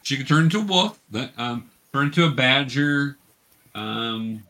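A game master with a bright, forward, medium-pitched voice runs a tabletop role-playing game, narrating events for the players and patiently explaining the rules. He speaks unhurriedly with lively intonation, though the audio is poor with a little hiss or hum.

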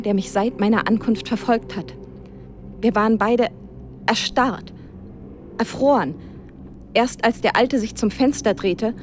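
A woman narrates a tense first-person story, framed as a spoken letter. Her voice sits at a middling pitch, with a faint hum of vehicle noise behind it. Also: darkish tone. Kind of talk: scripted audio-drama narration as a spoken letter.

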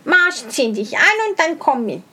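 Woman doing a high, bright, crafty storybook hedgehog, cocky and bossy. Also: sing-song, exaggerated voice. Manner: bright, brisk and self-assured. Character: crafty stubborn male hedgehog, sly and cocky.

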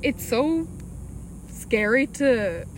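Giggly young woman with a higher voice. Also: animated, slight background noise. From Alaska. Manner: giggly, halting, restarts. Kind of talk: casual chat.

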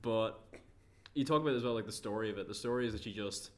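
A man's voice: lowish voice, fast, fairly bright tone. A man co-hosting a casual film review chat, rambling and swearing freely. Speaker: podcast co-host.

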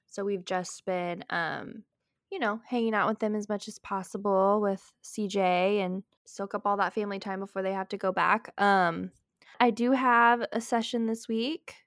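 A woman's voice: mid-range voice, fairly even intonation, normal speed, dry recording, studio quality. A young woman co-hosting a casual podcast, upbeat and enthusiastic, swearing freely. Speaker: podcast co-host.

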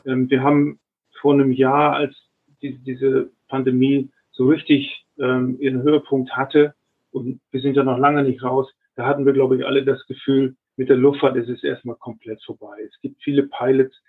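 An older man, a retired airline captain, giving measured advice in an interview, often restarting his sentences. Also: mid-range voice, level tone, breathy edge. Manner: measured, advisory, frequent restarts. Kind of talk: reflective interview answers. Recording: narrow phone-like line.

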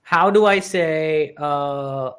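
A man co-hosting a podcast in casual chat, playful, repeating himself and spelling out phrases slowly. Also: a little high, a bit bright, clear, resonant tone. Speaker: podcast co-host.

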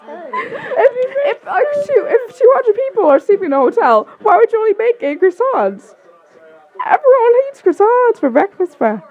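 A young woman chatting playfully with friends, giggly and animated. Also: very high-pitched, moderate pace, narrow, tinny audio, faint music behind. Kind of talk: casual chat among friends.

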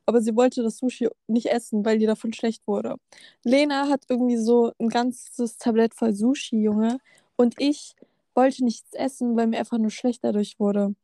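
Teen girl, mellow tone, dry close sound, chatty storytelling, corrects others. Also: fairly high pitch, fairly even intonation, moderate pace, no room sound. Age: teens. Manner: chatty, corrects her friend. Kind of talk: casual storytelling chat.

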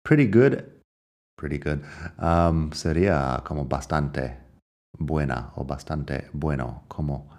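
A man with a very deep voice teaches English at an unhurried pace. He reads his English examples twice in an American accent and explains them patiently. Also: darkish tone. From United States. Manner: explains phrases slowly, reading each English example twice. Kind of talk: language lesson narration.

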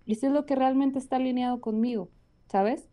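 Warm, chatty Mexican woman. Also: high-pitched, steady tone, fairly quick. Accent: Mexican Spanish. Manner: chatty and earnest, with lots of fillers. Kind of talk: casual conversation.

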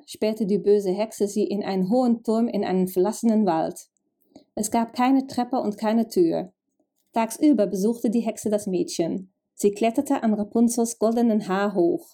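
A woman narrating a fairy tale, gently addressing the listener directly. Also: mid-range voice, measured pace. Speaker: storyteller.

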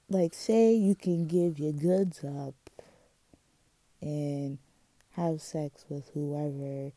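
A woman's voice: sits low, mellow, no room sound. A woman hosting a casual, candid solo podcast, musing and confiding with slang and swearing, her articulation slightly off from wearing a retainer.

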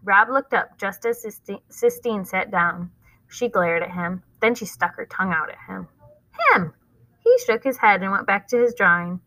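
A woman teacher reads a chapter book aloud to her class. She stops to explain it in plain, casual words with small fillers. Her voice is bright, and the recording is close and dry. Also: medium pitch, moderate pace, dry recording, low-quality recording. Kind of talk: reading a novel aloud with explanations.

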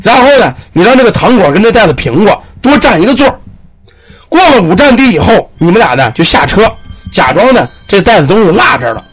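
Man playing grave old temple-keeper doctor, husky, slow. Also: sits high, very animated, faint music behind, exaggerated voice. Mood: instructing.

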